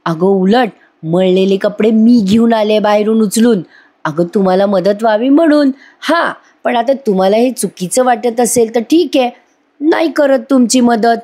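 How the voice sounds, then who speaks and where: A woman's voice: a little high, moderate pace, mellow, close to an everyday voice. Woman voicing a whiny scheming young wife. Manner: whining, protesting.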